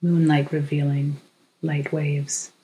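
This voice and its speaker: A narrator gives a guided meditation in a hushed, measured voice, reading short poetic phrases with long pauses. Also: medium pitch, flat delivery, slight background noise, low-quality recording.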